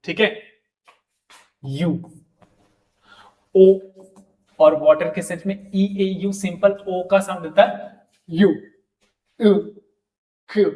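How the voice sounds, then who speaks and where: Man, high voice, French teacher, online lesson, drills words one by one. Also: fairly even intonation, a little mellow, echoey room. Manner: repeats words slowly, frequent "ठीक है".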